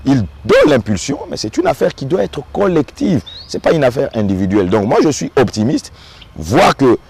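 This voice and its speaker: A man's voice: mid-range voice, huge pitch swings, normal speed, vocal fry, a little mellow, slightly rough. A man with a Congolese French accent, a local notable, speaking earnestly in an interview and often repeating small words as he searches for the next one. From Democratic Republic of the Congo. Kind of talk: on-site interview, political commentary.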